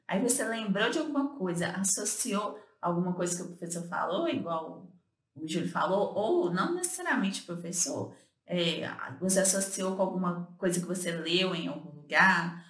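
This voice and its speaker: A woman co-host talks through study tips in a relaxed, explanatory way, her voice rising and falling with a lot of movement. She leans on little fillers as she goes. The sound rings a bit in an echoey room. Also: lowish voice, normal speed. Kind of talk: casual instructional talk.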